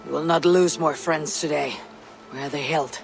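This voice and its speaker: An actress playing a stoic, resolute young Viking war leader with a grave, measured delivery, in a dramatic game style. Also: female voice, deep voice, steady tone, vocal fry, music in the background. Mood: resolute, tactical. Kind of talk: dramatic video game acting.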